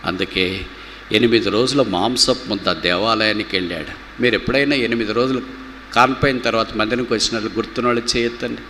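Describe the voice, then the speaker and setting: A man preaching a gospel sermon with passion, swinging from loud rhetorical questions to low, slow pleading. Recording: reverberant hall with faint background noise.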